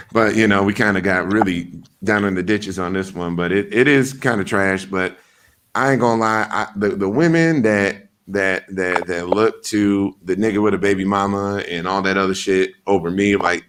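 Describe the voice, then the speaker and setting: A man's voice: sits low, moderate pace, a bit bright, smooth. A man hosting a podcast in a loose, blunt casual chat, full of fillers and swearing. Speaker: podcast host.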